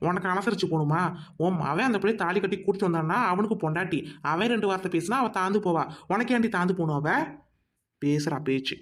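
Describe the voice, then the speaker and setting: A woman's voice: fairly low pitch, close to an everyday voice. A woman playing an outspoken elder aunt who scolds her sister-in-law in a family drama. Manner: scolding and forthright. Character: blunt outspoken elder aunt defending the bride.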